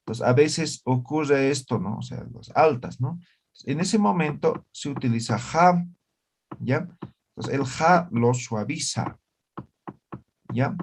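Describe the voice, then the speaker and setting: A man leading a virtual language class, walking students through grammar points one by one. He talks in a plain, middle-pitched voice. He checks in often with short questions to make sure everyone follows. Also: animated, takes it slowly, pauses often, breathy edge. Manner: explanatory, checks understanding with frequent "¿ya?" and "¿no ve?". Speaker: Aymara language teacher. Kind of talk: online class lecture.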